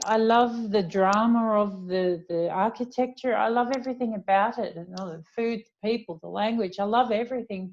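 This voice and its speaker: In a conversational interview, an Australian author answers questions at length, sounding chatty and reflective. Her voice is fairly high and a little mellow, though the recording is muffled.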